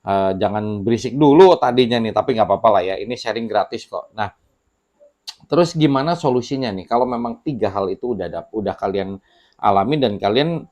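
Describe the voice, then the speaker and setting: A man talking casually to camera in a small home studio, giving relaxed, unhurried advice with many fillers and pauses. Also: lowish voice. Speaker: channel host sharing debt advice. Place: small home studio with children heard nearby.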